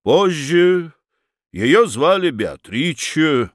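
Casting: man playing a lofty, stern occult count, slow and grand, dry close sound. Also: on the high side, very animated, dry recording, pitched above the performer's own voice, heavily acted. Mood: calm, lofty. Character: smooth, imperious mystic count, man. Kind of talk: audiobook character voice.

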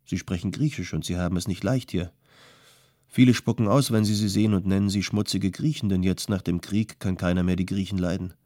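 A male audiobook reader voicing a settled young potter who calmly gives practical advice. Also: low-pitched, brisk, dry recording, studio quality, natural voice. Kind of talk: audiobook character voice.

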